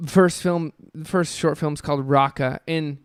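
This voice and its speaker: A man's voice: a little high, fairly even intonation, a little slow, clear, resonant tone, no room sound, studio quality. A young man co-hosting a podcast, chatting casually and rambling with enthusiasm through lots of fillers. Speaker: podcast co-host. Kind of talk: casual chat.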